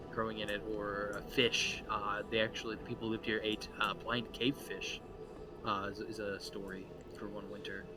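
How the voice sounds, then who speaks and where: Game master man, halting narration. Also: lowish voice. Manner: halting, filler-heavy storytelling.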